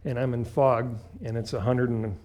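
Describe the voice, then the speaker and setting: A man teaches flying in a mid-pitched voice. He explains procedures step by step, speaking in short, clipped phrases and leaning firmly on the key points. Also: level tone, normal speed, darkish tone. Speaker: flight instructor. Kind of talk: instructional talk with acted radio call examples.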